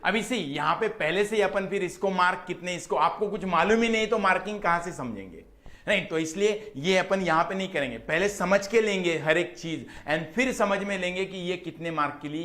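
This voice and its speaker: Man, Indian accent, law lecturer, chatty classroom teaching, keeps asking "right?", slightly high voice. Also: bright, forceful tone. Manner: mixes English terms into Hindi speech.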